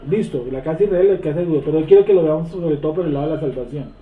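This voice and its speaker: A man leading a Bible study, quizzing the seated group and repeating verses slowly. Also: on the high side. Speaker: Bible teacher. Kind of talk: interactive Bible study teaching. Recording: echoey room over a tinny phone-like line.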